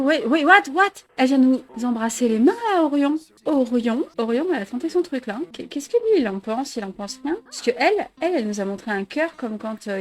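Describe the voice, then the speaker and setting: A woman's voice: on the high side, darkish tone. A woman giving casual, amused commentary while playing a life-simulation game, often talking to her characters. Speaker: gaming YouTuber. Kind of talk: casual let's-play commentary.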